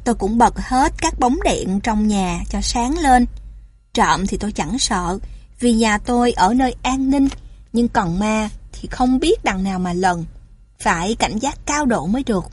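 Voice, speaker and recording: Husky young woman telling a story. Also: medium pitch, a little mellow. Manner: playful first-person telling. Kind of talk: storytelling narration.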